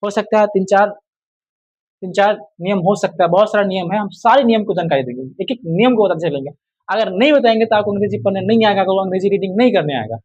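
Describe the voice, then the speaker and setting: High-voiced man drilling English rules. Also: quick pace, darkish tone, slightly rough, lo-fi sound. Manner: repetitive quizzing, drills answers aloud; addresses viewers as friend and brother. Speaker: English teacher. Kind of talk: casual spoken lesson.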